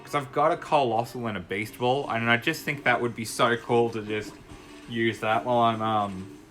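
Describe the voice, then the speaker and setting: A young Australian gaming YouTuber with a medium-pitched, slightly bright voice speaks steadily at a moderate pace. He chats casually while playing and commentating a video game, rambling and laughing easily, with faint music in the background.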